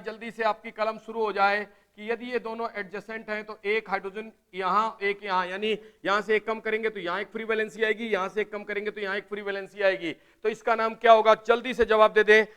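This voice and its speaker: A man teaching chemistry in a live online class, explaining step by step and urging students to answer quickly in the chat. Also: high-pitched, a bit bright, smooth. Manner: explains step by step, often asks "right?".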